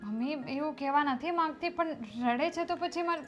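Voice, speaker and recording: Light, high actress playing a timid young wife and mother, pleading softly over a quiet score. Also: a little fast, muffled recording, soft background music. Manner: pleading, meek. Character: young mother, put-upon daughter-in-law. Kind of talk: Gujarati film drama acting.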